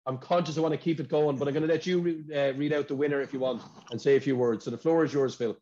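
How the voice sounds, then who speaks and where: This is an Irish man hosting an awards night over a video call. He is chatty and warm in his delivery, and he stumbles and repeats words as he goes. The audio is dull and lo-fi, like a laptop connection. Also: medium pitch, fairly even intonation, fast, a little hiss or hum. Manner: chatty, repeats words when searching for them. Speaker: awards ceremony host.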